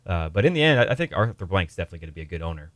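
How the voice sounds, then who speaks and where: Deep-voiced man, halting sports talk. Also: sing-song, no echo, studio quality. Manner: halting, searching for words. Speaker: sports show panelist. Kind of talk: casual sports discussion.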